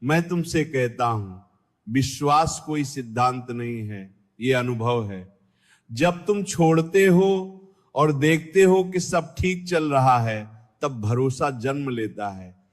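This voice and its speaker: A man giving a calm spiritual discourse, speaking directly to the listener in a measured way. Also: medium pitch.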